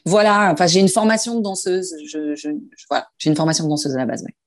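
A woman's voice: on the low side, fast talker, no echo, studio quality. A woman singer answering interview questions into a phone held in her hand, thoughtful and hesitant, with many fillers and restarts. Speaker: singer guest.

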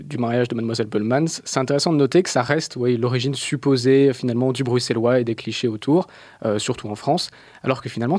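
A man's voice: medium pitch, a little mellow, no echo, clean studio sound. A man presenting in an informal, explanatory radio style.

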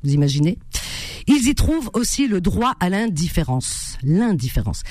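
A woman hosting a radio call-in show, chatting casually and reading an article aloud, halting with many fillers and restarts. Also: lowish voice, big pitch swings, a little mellow, no room sound.

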